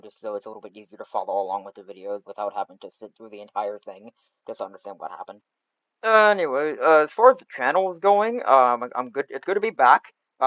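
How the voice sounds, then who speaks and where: A man's voice: on the low side, no echo. A man giving a casual recap as a video host, recorded on a poor, cheap microphone. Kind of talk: casual vlog voice-over recap. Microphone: cheap substitute microphone, close and dry. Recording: dull cheap-microphone sound.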